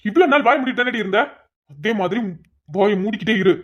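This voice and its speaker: A woman's voice: medium pitch, animated, close to an everyday voice. A woman voicing an angry, domineering young husband who gives harsh orders in a cartoon, on a dull lo-fi recording. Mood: furious. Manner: commanding, harsh, rapid. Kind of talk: cartoon voice acting.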